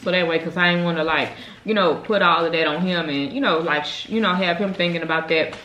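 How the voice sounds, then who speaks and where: Lady from a vlog, bright sharp voice, echoey room, chatty storytime, acts out both sides. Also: fairly low pitch, a little fast, lo-fi sound, a little hiss or hum. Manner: animated, acts out quoted exchanges. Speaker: vlogger telling a story. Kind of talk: casual storytime chat.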